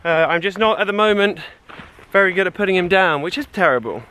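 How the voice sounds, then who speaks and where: A young man and father rambling casually to a handheld camera outdoors about his day, poking gentle fun at himself. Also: high voice, quick pace, a little hiss or hum. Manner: relaxed and rambling, self-deprecating. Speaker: vlogger, father. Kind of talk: casual travel vlog chat.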